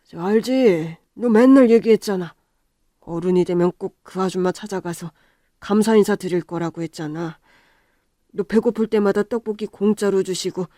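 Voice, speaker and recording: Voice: medium pitch, dark tone, dry recording, studio quality, close to an everyday voice. A voice actor playing a middle-aged male building owner who speaks curtly and businesslike in a radio drama. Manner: curt, businesslike.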